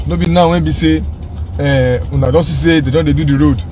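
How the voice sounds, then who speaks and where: A man's voice: on the high side, steady tone, a little fast. A Nigerian man from Edo State speaking Pidgin in a casual running commentary, pleading and repeating himself emphatically to the public. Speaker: roving vlogger. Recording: loud vehicle and road noise.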